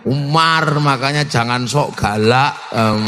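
A male preacher, telling stories dramatically and swinging between shouts and low asides. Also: slow, a faint crowd, a little hiss or hum. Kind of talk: humorous sermon storytelling. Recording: long hall reverb.

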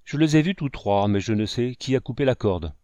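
A man's voice: mid-range voice, lively intonation, a little fast, darkish tone, clear, resonant tone, no echo, highs cut off, lightly acted. A man reading as a big, dutiful frontier son. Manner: respectful, eager to explain.

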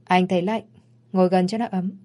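A woman's voice: lowish voice, steady tone, fairly quick, mellow, natural voice. A woman voicing a pushy, menacing young man in a spoken story, with a coaxing, threatening manner.

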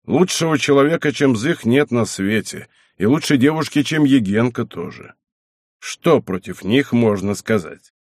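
A man reading an audiobook, voicing a hot-tempered, domineering old abbot who blusters and shouts. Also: medium pitch, lively intonation, no room sound, studio quality. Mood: stern. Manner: blustering, shouting, quick to anger.

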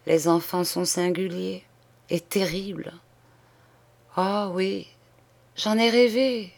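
A woman reading aloud, voicing a dying middle-aged woman who confesses to her sister in a hoarse, halting whisper. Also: mid-range voice, a little mellow. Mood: confiding. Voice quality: hoarse, halting broken phrases. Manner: whispered pleading.

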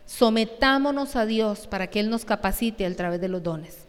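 A woman's voice: medium pitch, moderate pace, smooth, long reverb tail. A woman preaching a sermon, emphatic and asking the congregation questions.

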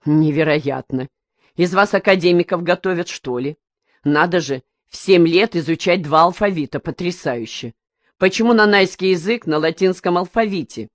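A woman's voice: lowish voice, moderate pace, no echo, natural voice. A woman voicing a jovial middle-aged village father who teases the children and is amazed at them. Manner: teasing, amazed exclamations.

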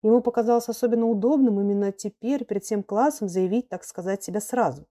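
A woman narrating an audiobook of classic prose in a calm, measured way. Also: medium pitch.

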